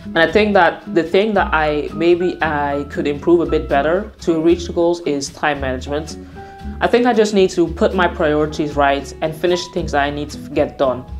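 A young woman vlogger talks straight to her viewers in a loose, candid way, circling back and fixing her words as she goes. Her voice sits unusually low for a woman, and soft music plays faintly behind her. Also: normal speed. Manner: candid, rambling, self-correcting. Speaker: vlogger and designer. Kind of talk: casual to-camera vlog talk.

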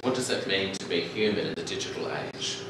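A middle-aged man giving a conference keynote from a podium in a large lecture hall, talking in a measured, reflective way with occasional ums and restarts. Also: low voice. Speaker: keynote speaker. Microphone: podium mic, recorded by far camera. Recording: echoey hall from far off, loud noise.

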